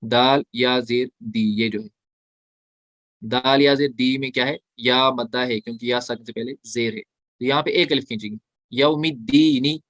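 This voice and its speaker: Brief: male Quran recitation teacher, mid-pitched, explains patiently and chants verses drawn out, dry close sound. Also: fairly even intonation, normal speed, fairly bright tone, no echo. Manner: explains step by step, asking questions and answering them himself. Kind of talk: online tajweed lesson.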